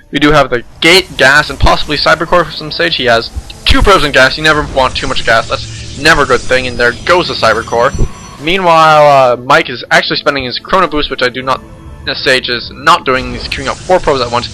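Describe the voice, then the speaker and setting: A man's voice: mid-range voice, sharp tone, rough recording. A young man casually commentating a strategy game replay, joking and sarcastic.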